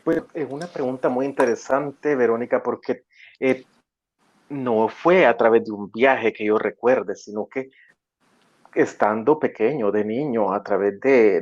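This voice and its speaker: A man's voice: mid-range voice, unhurried, darkish tone, dry recording. A middle-aged man talks as a podcast guest. He tells stories in a friendly, reflective way with easy fillers. His audio is dry and a little dull. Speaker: podcast guest, travel industry professional. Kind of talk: casual podcast conversation.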